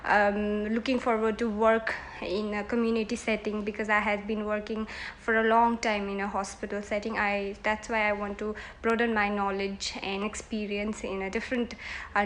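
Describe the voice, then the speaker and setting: Flat-voiced woman in mock interview. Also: medium pitch, slight background noise, low-quality recording. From Nepal. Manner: earnest, hesitant, self-correcting. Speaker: job interview candidate. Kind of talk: mock job interview answers.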